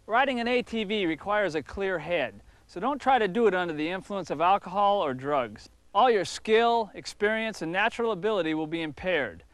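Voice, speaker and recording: A man's voice: high voice, expressive, moderate pace, few pauses, fairly bright tone, dry recording. A man narrating a scripted safety lesson with firm, cautionary instructions, heard from a worn VHS tape copy. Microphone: voice-over. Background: country guitar music.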